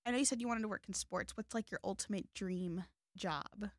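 A woman's voice: medium pitch, fairly quick, dry recording, studio quality. Bubbly young woman hosting a chat. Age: 20s. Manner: bubbly and chatty, laughing often. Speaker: host. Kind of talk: casual chat.

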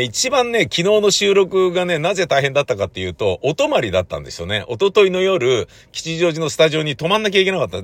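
A middle-aged man with a mid-range voice, recorded dry, wanders through a casual solo chat. Blunt, slangy and self-mocking, this audio drama producer and recordist acts out how he reacted as he tells each story.

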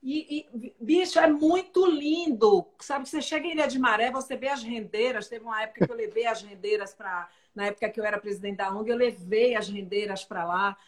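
A woman's voice: on the high side, fairly quick, few pauses. Enthusiastic woman host. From Salvador, Bahia, Brazil. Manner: warmly enthusiastic, emphatic. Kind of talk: casual interview chat.

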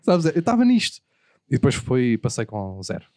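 A young man with a European Portuguese accent, chatting casually with friends and telling rambling, animated stories. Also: mid-range voice, no room sound, clean studio sound. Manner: rambling storyteller, quick and animated. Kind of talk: casual chat among friends.

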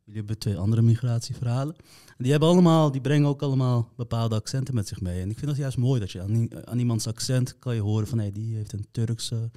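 A man hosting a casual discussion, lively and opinionated as he leads the talk. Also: mid-range voice, fast, few pauses. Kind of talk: casual chat.

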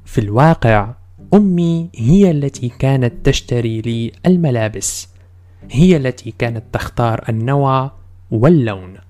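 A man's voice: medium pitch, lively intonation, moderate pace, mellow, soft background music. A man speaking careful, formal Standard Arabic, narrating a scripted language-lesson podcast as host and teacher.

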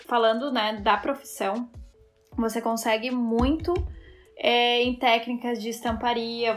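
A woman with a fairly high voice chats as an interview guest, spinning anecdotes and breaking into laughter as she goes. Faint music plays softly behind her. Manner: chatty storyteller, laughs while talking. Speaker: guest, fashion designer. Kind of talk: casual interview chat.

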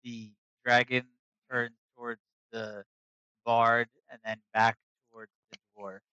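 Slow-talking man narrating a tabletop game. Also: mid-range voice, flat delivery, sharp tone, smooth, no echo. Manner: descriptive, unhurried narration with fillers. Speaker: game master. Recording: dull lo-fi recording.

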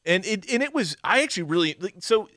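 A man's voice: high-pitched, sing-song, quick pace, pushed and bright, dry recording, clean studio sound. A man co-hosting a podcast in casual chat, wry and rambling as he runs a trivia quiz. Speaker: podcast co-host.

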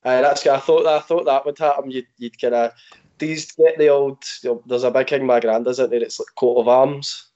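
A Scottish man with a broad Glasgow accent talks in a casual, colloquial way, slipping into imagined quotes. His pitch sits in the middle for a man, and the recording is slightly dull. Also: steady tone, brisk, mellow. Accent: broad Glaswegian Scottish. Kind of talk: casual chat.

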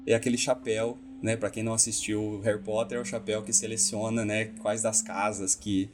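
A man's voice: fairly low pitch, a little fast, over music. A man telling stories as a hypnotherapist guest in a casual podcast talk, acting out the voices he quotes. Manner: animated, acts out the voices he quotes.

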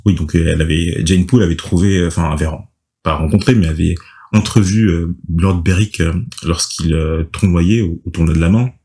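A man's voice: sits low, fairly quick, dark tone. A young man hosting a casual book discussion, summarizing chapters with many fillers and restarts. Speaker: podcast host reading and discussing a novel. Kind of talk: casual chat with read-aloud summary.

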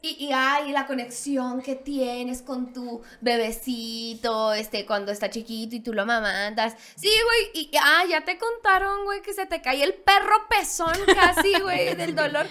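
A woman with a Mexican accent in casual chat, animated and slangy, her voice jumping upward as she tells a story. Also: a little slow, hardly any pauses. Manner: animated, slangy, swoops up in pitch.

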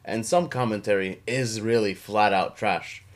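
A man's voice: on the low side, measured pace. A young man hosting a podcast, teasing his co-host and steering the casual chat. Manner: teasing, laughing, steering the talk.

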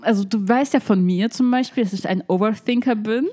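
Woman, casual co-host, quick reactions, teasing asides, mid-pitched voice. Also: warm tone. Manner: chimes in with short reactions and teasing remarks. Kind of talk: casual chat.

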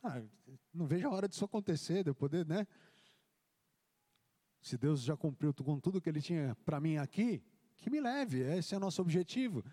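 A man's voice: on the high side, brisk, pauses often. A man, a pastor, telling his testimony in a church service, acting out the dialogue as he tells it. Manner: animated storytelling, acting out dialogue. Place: church hall. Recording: long church hall reverb.

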